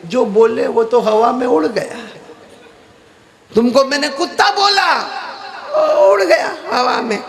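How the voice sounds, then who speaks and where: A man's voice: very high-pitched, big pitch swings, pauses often, noisy background, voice pushed up, full character voice. A man voicing a clever cleric who argues insistently in a retold story.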